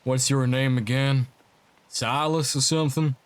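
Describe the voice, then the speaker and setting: A man's voice: medium pitch, fairly even intonation, unhurried, smooth, dry recording, natural voice. A man voicing a mocking armored villain whose voice is muffled behind his helmet. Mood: taunting. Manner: taunting, condescending.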